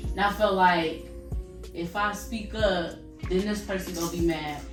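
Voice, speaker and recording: A woman's voice: fairly low pitch, steady tone, a little slow. A woman chatting candidly and casually, with a frank, emphatic, colloquial way of talking. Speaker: vlog co-host. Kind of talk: casual candid chat between sisters. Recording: echoey room, distant mic, music underneath. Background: background music.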